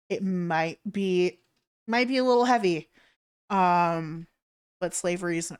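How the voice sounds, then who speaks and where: A woman's voice: fairly low pitch, clear, resonant tone. A woman hosting a game livestream, talking casually in a monologue to her viewers.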